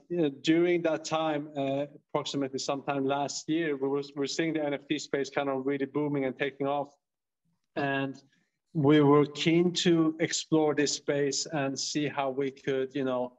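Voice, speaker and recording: A man with a Swedish accent answering interview questions in a relaxed way, with "you know" fillers. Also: medium pitch. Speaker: guest, co-founder. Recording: dull lo-fi audio.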